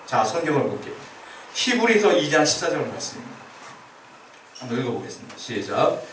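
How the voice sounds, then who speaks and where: A man's voice: mid-range voice, big pitch swings, brisk, a bit bright, a little hiss or hum. A male pastor preaching a sermon, explaining step by step and asking the congregation questions. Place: church sanctuary. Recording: roomy church sound from a distant mic.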